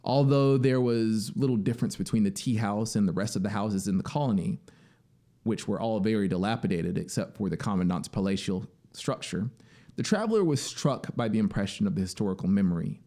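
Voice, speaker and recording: Synthesizer soundscape music underlies this reading: a man in his thirties, narrator and musician, tells a literary story deliberately and dramatically, drawing out key words. His voice is fairly low, expressive and dark in tone, captured by a close boom-arm studio microphone in a small home studio indoors.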